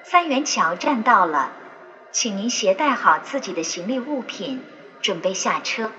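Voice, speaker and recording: A woman's voice: mid-range voice, very animated, measured pace, pushed and bright. A woman making a formal, scripted subway announcement to passengers as a train announcer. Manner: formal passenger-information delivery. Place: inside an airport express train. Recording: dull noisy train public address. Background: train ambience and clear noise.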